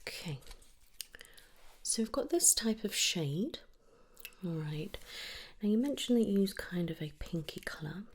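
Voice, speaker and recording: Close to the microphone, a woman plays an attentive make-up artist in a one-to-one ASMR roleplay, gently reassuring in a soft, half-whispered style. Her voice blends a breathy whisper with soft low speech, animated yet a little slow.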